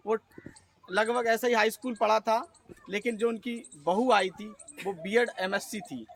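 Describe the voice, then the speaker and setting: A man's voice: very high voice, gravelly, fairly bright tone. A man giving an earnest public speech at an organization's meeting and telling folksy stories to the audience. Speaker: speaker at an organization's review meeting.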